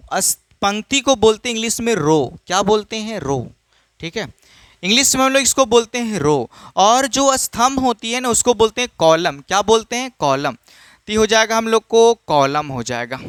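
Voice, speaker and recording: A man's voice: sits high, fairly bright tone, clear, resonant tone, no echo. A man teaching a maths lesson, often asking a question and answering it himself, and calling his students children. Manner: repetitive, asks and answers his own questions; casual, addresses students as children.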